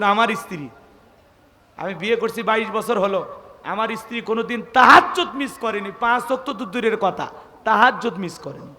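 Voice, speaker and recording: A man's voice: high voice, sharp tone, long reverb tail. A man from Bangladesh preaching a waz sermon, rousing the crowd and calling on them to answer and say amen.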